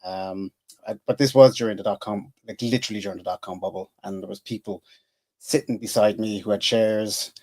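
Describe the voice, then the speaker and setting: An Irish engineer in his forties, appearing as a podcast guest, casually tells his career story full of fillers and restarts. His voice is on the low side and a little mellow, with fairly even intonation and a slightly fast pace.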